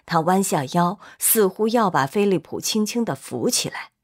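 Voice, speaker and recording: A woman narrating an audiobook in a measured, steady reading voice. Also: medium pitch.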